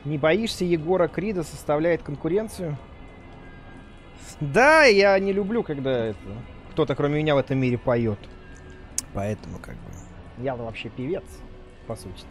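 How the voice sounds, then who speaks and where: Animated, high-pitched male game streamer. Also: moderate pace, long pauses. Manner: joking, sweary, reacts out loud. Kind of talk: casual live gaming commentary. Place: indoor room, streaming setup. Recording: music and game sounds behind. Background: game music and effects.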